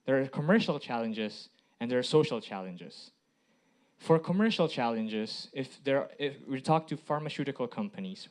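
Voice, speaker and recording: A man from the Philippines giving a public presentation in short phrases, often posing rhetorical questions. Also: medium pitch. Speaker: IT director presenting as a speaker.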